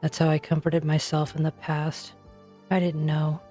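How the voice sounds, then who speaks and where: For an English fan dub of an anime game, a woman plays a weary researcher, speaking gravely and deliberately in a low, warm, natural monotone. She sounds sombre yet resolute, full of self-reproach, with faint music beneath in the style of a game drama.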